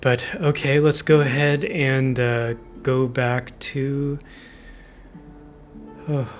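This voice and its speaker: A breathless man talking through a game guide with a slow, unhurried delivery. He rambles and stumbles over restarts, apologizing as he goes, with faint music playing under his voice. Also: medium pitch, fairly even intonation. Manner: rambling, self-deprecating, halting with restarts. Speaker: gaming video host. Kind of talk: casual game guide commentary.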